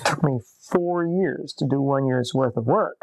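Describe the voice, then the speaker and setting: This medium-pitched, darkish male voice is recorded with no echo. A musician from Massachusetts, late forties and scratchy-voiced, he sits at a desk in an upstairs apartment room for an interview, relaxedly telling his life story at an easy pace, reflective and given to pauses.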